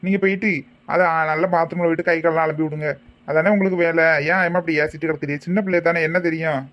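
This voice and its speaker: A man playing a brisk, sharp-tongued kindergarten teacher. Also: on the high side, fairly even intonation, natural voice. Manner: brisk, bossy, quick to threaten. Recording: dull lo-fi sound.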